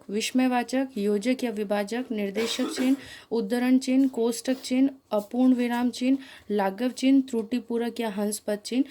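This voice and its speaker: A woman teaching a school grammar class, her voice mellow and warm rather than bright. She explains step by step in a clear, deliberate way, pausing on each example and setting right her own small slips. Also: fairly high pitch.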